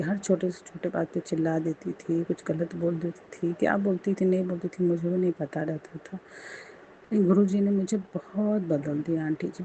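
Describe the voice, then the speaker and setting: Slow earnest woman, low mellow voice. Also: vocal fry, slight background noise, rough recording. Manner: slow, earnest, ending in soft chanting. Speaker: devotee sharing a satsang for the first time. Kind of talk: devotional testimony.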